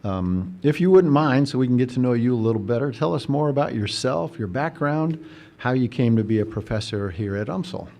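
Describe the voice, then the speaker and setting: With a medium-pitched, dark voice and lively intonation, a man speaks fairly quickly as host of an education podcast. He works as a recruitment coordinator, reads a formal introduction, and then talks with his guest. He comes across as earnest and friendly, using a few fillers.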